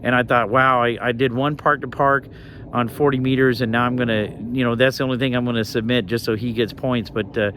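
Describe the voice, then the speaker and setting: A man from Colorado chats informally to his viewers as a ham radio hobbyist. His voice sits at a medium pitch and he rambles in a casual way. He is outdoors, with faint outdoor and vehicle noise behind him. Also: steady tone, fairly quick, fairly bright tone. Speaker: amateur radio operator, video host. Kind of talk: casual outdoor vlog talk. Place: outdoors in a state park.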